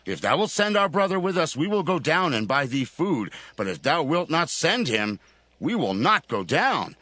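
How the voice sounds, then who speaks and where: An actor playing an earnest grown son in a Bible audio drama, speaking in a solemn, emphatic, declamatory way. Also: male voice, a little high, sing-song, normal speed, pushed and bright, no room sound, exaggerated voice. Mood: firm, insistent. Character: earnest adult son pleading with his aged father.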